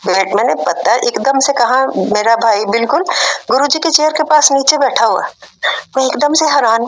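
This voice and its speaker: A woman's voice: medium pitch, rough recording. A middle-aged woman tells a devotional testimony in a conversational, emotional way, acting out family dialogue. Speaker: devotee sharing a satsang testimony.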